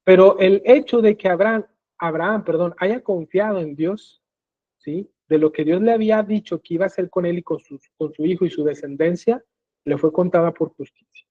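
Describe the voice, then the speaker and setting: A man teaching a live online Bible class in an explanatory way, often pausing to check in with his listeners. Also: high-pitched, no echo. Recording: tinny phone-like call audio.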